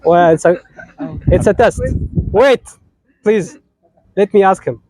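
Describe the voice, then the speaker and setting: A slow-talking young Egyptian man with a mellow, high-pitched voice officiates a wedding in a rough recording that has no echo. He is slightly unwell and his voice isn't at full power, yet he keeps the sermon lively, playfully teasing the couple and alternating between English and Arabic.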